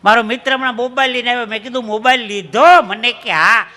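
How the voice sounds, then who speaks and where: A man's voice: extremely high pitch, steady tone, fast, sharp tone. A man from Dwarka tells jokes on stage into a handheld mic and laughs at his own punchlines. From Dwarka, Gujarat, India. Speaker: stand-up comedian. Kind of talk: stage comedy storytelling at a folk gathering. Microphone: handheld stage microphone.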